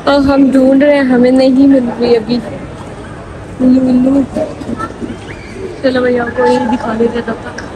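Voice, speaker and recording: Young woman vlogging in a mall, high voice, rambly and chatty, phone held out, busy shopping noise around. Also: little pitch movement, a little slow, pauses often. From Pakistan. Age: young adult. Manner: chatty, rambling, laughs often, walks while talking. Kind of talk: casual walking vlog. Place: large indoor shopping mall. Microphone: phone held at arm's length. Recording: busy mall ambience behind.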